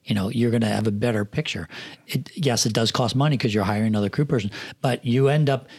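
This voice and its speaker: A man's voice: mid-range voice, fast talker, slightly rough. Rambling middle-aged man telling set stories. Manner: rambling anecdotal storyteller, many fillers. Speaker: film production manager guest. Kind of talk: casual podcast interview.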